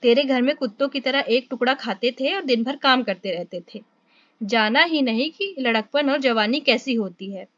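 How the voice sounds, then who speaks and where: A woman voicing Hira, a resentful young village man who shouts threats. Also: high voice, normal speed, dry recording, lo-fi sound. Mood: angry.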